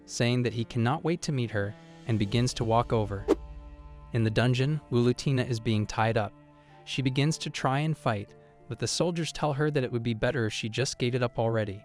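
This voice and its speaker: A man narrating a manga recap in a steady, reported-speech storytelling manner. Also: medium pitch.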